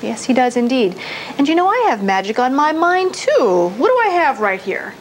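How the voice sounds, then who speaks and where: A woman's voice: sits high, sing-song, normal speed, slight background noise. A woman hosting a children's show in a television studio, with playful, exclamatory kids party magician patter. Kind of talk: hosting a kids' show with young audience participation.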